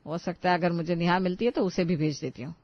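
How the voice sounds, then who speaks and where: A woman's voice: fairly low pitch, steady tone, fast talker, no room sound, lightly acted. A woman voicing a stern, nagging middle-aged mother-in-law who scolds her daughters-in-law sharply, in a dull lo-fi recording. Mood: bossy. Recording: dull lo-fi sound.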